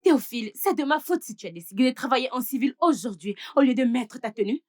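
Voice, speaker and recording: A woman's voice: sits high, lively intonation, quick pace, a little mellow. A woman dubbing the irritated wife of the employer, with dismissive, exasperated retorts. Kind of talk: French film dub.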